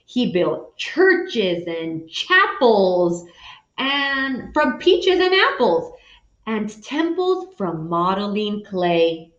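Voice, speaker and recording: In an echoey room with dull sound, a woman in her thirties dramatically reads a picture book aloud to young children, including asides. She speaks very slowly in a mid-range voice that is a bit bright and full of big pitch swings.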